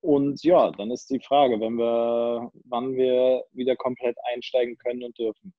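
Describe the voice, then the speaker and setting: A young man from northern Germany's Kiel area, a handball player and interview guest, thinks aloud casually over a video call on earbuds, full of fillers and restarts. His voice is medium in pitch, unhurried, with little pitch movement. There's no room sound, and the audio is lo-fi.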